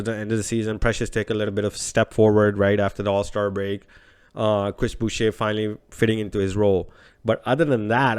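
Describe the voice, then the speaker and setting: A man's voice: lowish voice, clear, resonant tone. Congested man hosting sports talk. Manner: opinionated, conversational, informal. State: nasal and congested from a cold. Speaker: host. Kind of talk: casual sports commentary.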